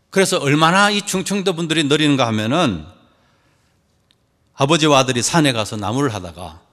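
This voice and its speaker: Lively man preaching in an echoing hall. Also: on the high side. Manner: lively, joking preacher posing questions to the congregation. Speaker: pastor. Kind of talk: sermon.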